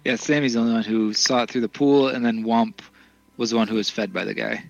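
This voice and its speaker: A man's voice: mid-range voice, fairly even intonation, fast talker, gravelly, dry recording, highs cut off, faint music behind. Game master guy calling rolls, plain mid voice. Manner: explaining rules plainly. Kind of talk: running a tabletop game.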